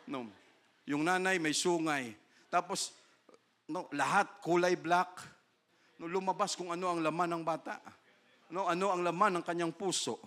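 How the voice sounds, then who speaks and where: A male pastor with a high, bright, ringing voice preaches in mixed Filipino and English. He checks in with the congregation with a constant "no?" and slows down to read old-style scripture. At times he climbs into loud, high, emphatic bursts. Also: fairly even intonation. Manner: preaches in Taglish, reads scripture in slow King James English, asks "no?" constantly. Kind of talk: sermon.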